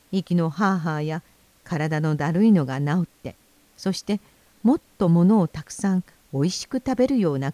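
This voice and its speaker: A woman reading a children's story aloud in a steady, expressive way. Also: low voice, dry recording.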